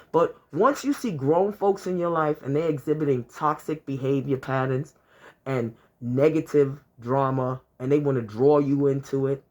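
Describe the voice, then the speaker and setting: An advice vlogger in their fifties offers casual life tips to camera in a medium-pitched, slightly mellow voice. The talk is conversational and repetitive, full of "you know," with points restated and long lists of examples piled up.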